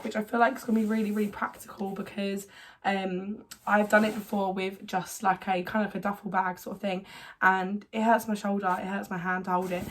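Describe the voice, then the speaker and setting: A young woman chats to a camera on a tripod at home, her mid-range voice hoarse as she gets over a cold. The vlogger rambles loosely with plenty of ums and likes, and there's slight background noise.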